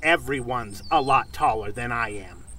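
A man playing a very short, cheeky, excitable space traveler in an audio drama, with animated, teasing delivery. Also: medium pitch, normal speed, recorded from a distance, slight background noise, close to an everyday voice.

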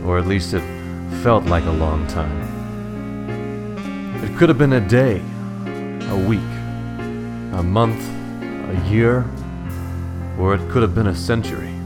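Man as a low-voiced noir detective, dry and flirty, over guitar music. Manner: dry, flirtatious, world-weary. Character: wisecracking hard-boiled male space detective. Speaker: narrator and lead character.

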